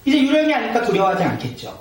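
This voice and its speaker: A man's voice: high voice, wildly swooping pitch, rapid-fire. A man preaching as pastor, asking the congregation rhetorical questions and leading them in reading aloud. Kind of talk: sermon. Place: church sanctuary. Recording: roomy echoey sanctuary, mic at a distance, faint noise.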